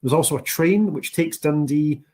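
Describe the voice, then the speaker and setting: A man's voice: a little high, normal speed, warm tone. A man with a broad Scottish accent presenting a training session, explaining things directly to viewers. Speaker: university international officer and presenter. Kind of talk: scripted-style training presentation.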